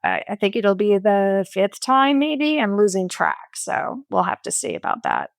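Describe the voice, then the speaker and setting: A woman's voice: mid-range voice, expressive, normal speed, vocal fry, no echo. A middle-aged woman co-hosting a podcast, speaking casually and chattily with wry asides. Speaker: podcast co-host. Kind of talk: conversational podcast chat.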